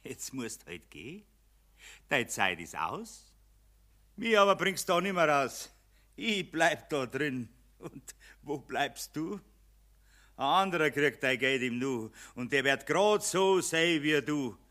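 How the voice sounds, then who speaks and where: A man's voice: on the high side, sing-song, slow, heavily acted. A man playing a bossy, mocking spirit of Money in a Bavarian dialect verse play, taunting and theatrical. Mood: scornful. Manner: taunting, theatrical, swooping from shouts to hushed menace.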